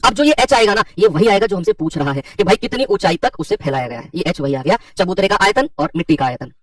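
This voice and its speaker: A quick-talking man with a high voice walks through sums out loud and says sorry each time he corrects a slip. The sound is dry, with the mic set a little away from him. He addresses his students casually as "bachche" and "bhai.". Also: lively intonation, no room sound, far from the mic, rough recording. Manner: works sums aloud, corrects himself with quick sorries. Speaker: exam prep teacher. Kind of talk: online math lesson.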